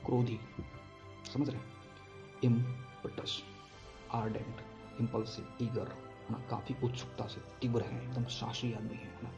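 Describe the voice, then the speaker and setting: A man's voice: medium pitch, creaky, highs cut off. A man teaching exam vocabulary, explaining words and often checking that listeners follow along.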